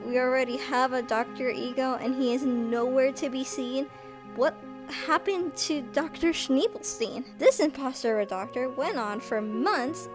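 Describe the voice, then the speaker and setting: A woman narrating a scripted fan-theory summary in a chatty, conversational way. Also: sits high.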